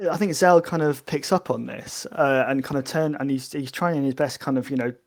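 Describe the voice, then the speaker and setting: A man's voice: medium pitch, brisk. A man playing a tabletop role-playing game, voicing his character in a hesitant, stammering way. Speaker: player.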